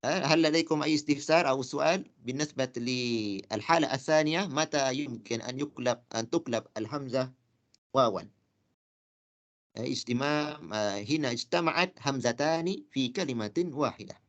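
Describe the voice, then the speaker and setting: A man teaching Arabic grammar in a lecture. He talks haltingly, with many fillers, and repeats words slowly. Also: medium pitch, muffled recording. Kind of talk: classroom lecture.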